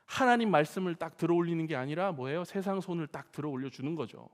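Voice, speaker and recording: Male pastor, higher voice, lively storytelling sermon with humor, long church reverb. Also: fast. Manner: animated, humorous storytelling, addressing the congregation. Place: church sanctuary.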